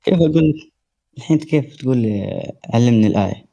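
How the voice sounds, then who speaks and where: A man's voice: mid-range voice, animated, creaky, mellow, lo-fi sound. A man calling in, answering defensively and hesitantly in casual dialect. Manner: speaks fast colloquial dialect, defensive and hesitant. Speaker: caller. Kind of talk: casual phone-in reply.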